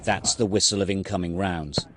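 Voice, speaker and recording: A deep male voice narrates a war documentary in terse, dramatic sentences. Loud vehicle and battlefield noise runs behind him. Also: steady tone, normal speed.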